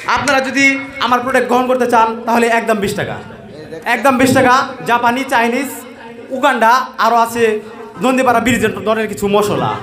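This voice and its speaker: A man's voice: very high voice, fairly even intonation, moderate pace, a bit bright. A man playing a parody street hawker of quack cures, giving repetitive sales patter in a spoof advertisement. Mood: huckstering. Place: echoey room or hall at a madrasa event. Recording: echoey hall with audience noise.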